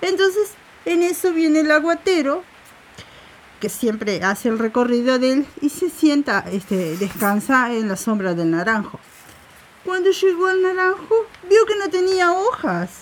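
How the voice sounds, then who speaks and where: Woman with northern uruguayan border accent, folk tale storyteller, high voice, very lively pitch. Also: a little slow, slight background noise. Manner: animated, repetitive storytelling mixing Spanish and Portuguese words. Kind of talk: folk tale told aloud. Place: rural home.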